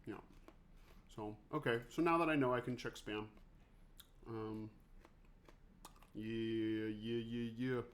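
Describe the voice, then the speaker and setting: A man's voice: mid-range voice, fairly even intonation, slow, pauses often, slight background noise. A man who teaches music, chatting casually on a livestream and joking with his students. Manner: chatty, joking, talks to viewers by name. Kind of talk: casual livestream office hours.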